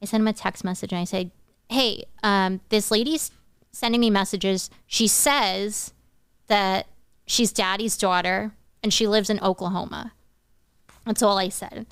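A woman in her thirties, a podcast guest, telling a personal story in a lively, quick way. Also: mid-range voice, clean tone, dry recording, clean studio sound. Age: 30s. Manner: animated, quick-talking, breaks into laughs. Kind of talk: casual storytelling.

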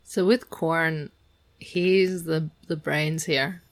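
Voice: medium pitch, fairly even intonation, drawn-out words. A co-host in casual chat, adding brief reactions and quips.

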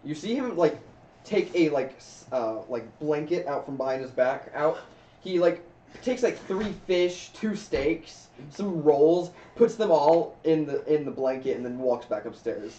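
A man's voice: fairly high pitch, lively intonation, unhurried, warm tone, slight background noise. A man narrating a tabletop game as game master, in a casual, rambling way. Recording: roomy, distant, dull recording.

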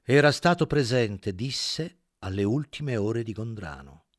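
A man narrating an audiobook in a dramatic, measured way. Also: fairly low pitch, animated, no echo, studio quality. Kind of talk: scripted narration.

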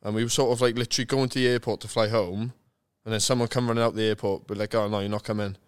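A man's voice: mid-range voice, fairly even intonation, racing, clean tone. A man with a South Welsh accent chatting casually and candidly as a podcast guest, telling stories in an informal, sweary, matter-of-fact way. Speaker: interview guest, retired rugby player.

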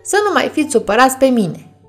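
A woman's voice: sits high, animated, fairly bright tone, soft background music, voice pushed up. A woman voicing a clumsy, boastful boy poet who is proud and stubborn, in a storybook reading. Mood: proud, eager. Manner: eager, proud, innocently stubborn.

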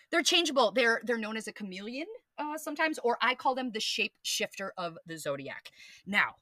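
A woman's voice: medium pitch, bright, forceful tone, no room sound. A woman hosting a podcast, talking casually and animatedly about astrology, with playful swearing and silly sound effects. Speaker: podcast host.

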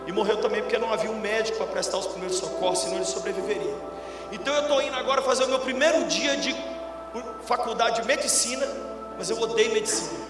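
A middle-aged man from Brazil, a pastor preaching a sermon through a long story, going from loud bursts to hushed lines. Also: high-pitched, quick pace. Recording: music and long reverb in a big hall.

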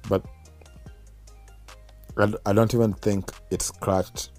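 A man's voice: lowish voice, little pitch movement, takes it slowly, darkish tone, faint music behind. A man with a Kenyan accent talking casually and reflectively as a guest musician in an interview.

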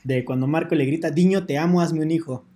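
Chatty Mexican podcast host. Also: male voice, on the high side, quick pace, mellow. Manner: chatty, addresses viewers directly. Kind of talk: casual chat.

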